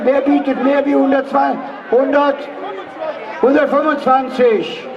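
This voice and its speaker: A man working as a live auctioneer, calling and repeating bids as host of an outdoor event. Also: very high-pitched. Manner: auctioneer's repeated bid calls and counting. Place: outdoor street event on a public square. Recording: loud noisy crowd, muffled distant outdoor PA. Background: loud crowd and street noise.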